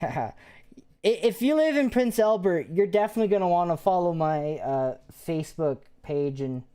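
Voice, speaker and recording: A woman's voice: lowish voice, expressive, normal speed, dark tone, smooth. A woman, a paranormal investigator, chatting casually and rambling with restarts while live-streaming.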